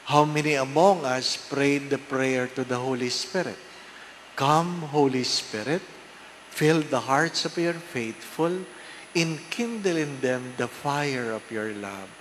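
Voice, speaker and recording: A male priest with a Filipino accent, slowly and deliberately reading the Gospel and preaching a homily, heard in a cathedral echo. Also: mid-range voice, fairly bright tone. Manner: slow and deliberate, drawn-out phrasing. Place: large church. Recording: echoey church with long reverb and faint hiss.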